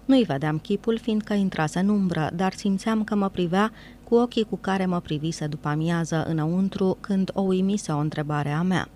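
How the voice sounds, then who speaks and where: A woman with a fairly low voice reads a novel aloud, calm and measured. A faint low rumble runs under the recording. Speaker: audiobook reader. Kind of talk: scripted narration.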